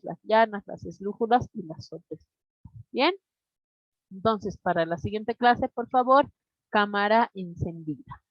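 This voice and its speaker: A woman teaching an online class over a video call, deliberate, constantly checking in with her students. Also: mid-range voice, dry recording. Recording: dull lo-fi online class audio.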